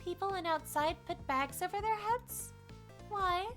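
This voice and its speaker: A woman's voice: very high-pitched, measured pace, a bit bright. A woman voicing a meek, naive girl made of toxic ooze in a visual novel, talking timidly and sweetly. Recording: game audio over music.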